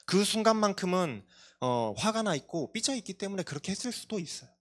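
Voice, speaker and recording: A man's voice: high voice, big pitch swings, fairly quick. A male pastor giving a sermon to a youth congregation, earnest and confessional, with self-deprecating asides. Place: church.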